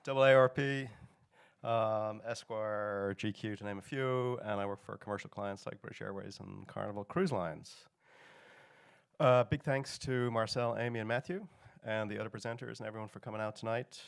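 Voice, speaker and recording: A man's voice: fairly low pitch, fairly even intonation, moderate pace, gravelly, smooth, no echo, studio quality. Middle-aged Irish man telling stories onstage. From Dublin, Ireland. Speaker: photographer and director giving a presentation. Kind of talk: informal live storytelling talk to an audience.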